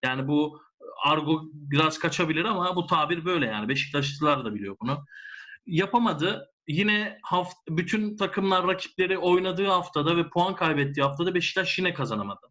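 A man's voice: a little high, animated, a little fast, bright, forceful tone, muffled recording. A man in a casual sports discussion, explaining his points as a commentator and repeating phrases for emphasis. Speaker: football commentator.

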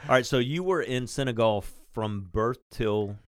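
A man hosting a podcast interview, relaxed and hesitant, with many fillers and restarts. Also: medium pitch, moderate pace, smooth, dry recording, studio quality. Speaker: podcast host. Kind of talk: conversational interview.

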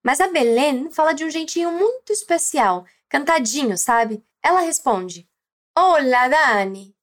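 A woman's voice: high-pitched, animated, moderate pace. A woman with a Brazilian Portuguese accent hosting a language lesson podcast, encouraging the listener to repeat after her. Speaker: Spanish teacher and podcast host.

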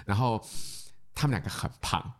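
A man chatting casually, telling an animated story, often laughing and stammering when he gets worked up. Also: on the low side, moderate pace. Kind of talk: casual chat. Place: lives in Australia.

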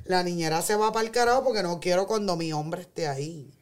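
A woman's voice: fairly low pitch, fairly quick. Brash swearing woman. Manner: loud, swearing, theatrical storytelling. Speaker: podcast co-host. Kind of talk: casual, crude group banter.

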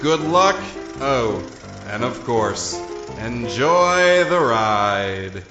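A man's voice: medium pitch, animated, very slow. A man reading a scripted podcast introduction in a theatrical, portentous way. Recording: roomy echo under music.

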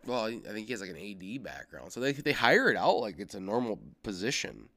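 A man's voice: fairly low pitch, very animated, fast talker, bright, forceful tone. A man co-hosting casual sports chat, musing and hedging, laughing easily.

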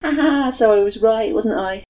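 A woman's voice: on the high side, moderate pace, mellow, pitched above the performer's own voice, close to an everyday voice. Woman voicing a whiny, sassy youngest brother. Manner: exasperated, snippy.

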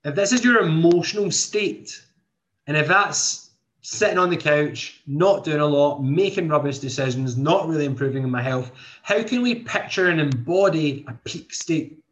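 A young man in his twenties hosting a motivational podcast, speaking earnestly and often restarting his sentences as he works through his ideas. His voice sits fairly high for a man. The recording sounds dull and lo-fi, with the upper frequencies muffled. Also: lively intonation, normal speed, a bit bright. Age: 20s. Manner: earnest, thinks aloud with many restarts. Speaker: podcast host and coach.

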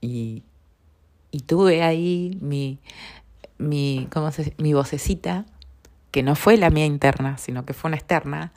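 Low, gravelly Rioplatense woman podcaster. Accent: Rioplatense Spanish. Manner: calm, unhurried, often seeks agreement with tag questions. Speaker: podcast host. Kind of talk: reflective spiritual podcast monologue.

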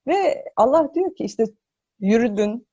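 A woman gives an unscripted religious talk in a soft, mellow voice. She explains step by step with thoughtful pauses. Her voice echoes as if in a cave, and the online audio is slightly muffled. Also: fairly high pitch, sing-song, husky. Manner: explanatory, hesitant with thinking pauses. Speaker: host of a religious discussion broadcast.

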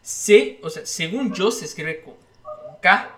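A man's voice: high-pitched, animated, slow pace, sharp tone, far from the mic. A man with a Mexican accent, co-hosting a casual chat, slangy and joking. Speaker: podcast co-host. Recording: echoey room, off-mic.

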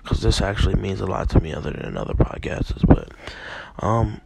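A man's voice: sits low, big pitch swings, normal speed, vocal fry, background noise. A young man who is a little sick, hosting a podcast and recounting a dream in a rambling, profane, filler-heavy way. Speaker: podcast host. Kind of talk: casual dream recounting monologue.

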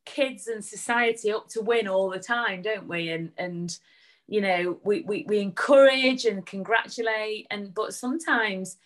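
A woman's voice: mid-range voice, a little slow. A woman chatting casually as co-host, rambling into anecdotes. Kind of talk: casual chat.

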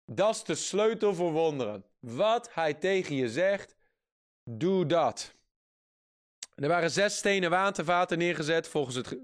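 A man preaching a sermon in a lively, emphatic way, reading scripture aloud and laughing often at his own jokes. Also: on the high side.

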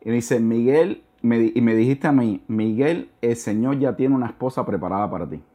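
A man in his thirties, a guest in a casual interview, telling his story with animated restarts and repetitions, now and then slipping in English words. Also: medium pitch, a little fast.

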